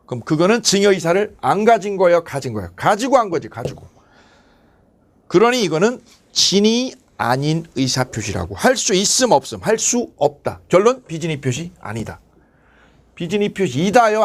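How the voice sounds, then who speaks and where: A man teaching an exam-prep law class, asking quick questions and answering them himself. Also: on the high side. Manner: animated, asks and answers his own questions. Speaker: lecturer.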